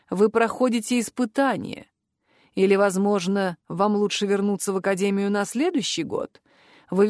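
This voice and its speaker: A woman's voice: a little mellow, no room sound, clean studio sound, natural voice. A woman playing a cold stern male curator. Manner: low, measured, clipped commands. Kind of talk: audiobook character voice.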